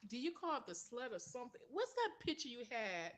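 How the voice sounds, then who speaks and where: A woman's voice: a little high, very animated, fairly quick, a bit bright, slight background noise. Faint woman, like at the bottom of a well. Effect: faint and distant, like at the bottom of a well. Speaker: caller joining a live stream. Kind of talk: casual chat.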